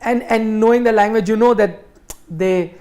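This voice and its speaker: A woman's voice: a little high, moderate pace, slight background noise. A woman hosting a cricket talk show, telling anecdotes casually and acting out the people in them. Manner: animated anecdote telling with quoted voices. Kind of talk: casual cricket chat, storytelling.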